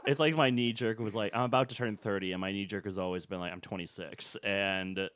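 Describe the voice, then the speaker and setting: A man of about thirty co-hosts a casual podcast, rambling through anecdotes with many fillers. His voice is on the low side, recorded dry and close. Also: fairly even intonation, a little fast, a bit bright, dry recording. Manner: rambling, filler-heavy retelling with quoted lines. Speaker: podcast co-host. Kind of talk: casual chat.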